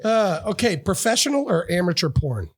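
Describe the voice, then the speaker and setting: A man's voice: high-pitched, sing-song, moderate pace. A man hosting a podcast, firing off joking questions and laughing often in casual banter. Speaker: podcast host.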